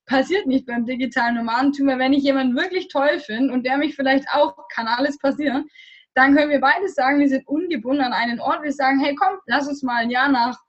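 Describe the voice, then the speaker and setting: A woman's voice: high-pitched, fast talker, muffled recording. A young woman from Germany in her twenties, a guest chatting casually in an interview, rambling with many fillers.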